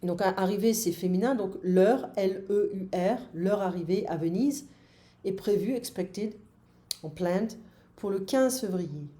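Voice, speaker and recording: A woman teaches a French grammar lesson and drills each form one by one, slipping in brief English glosses. She speaks slowly, her tone warm and mellow. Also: mid-range voice. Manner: slow, patient drilling with short English glosses.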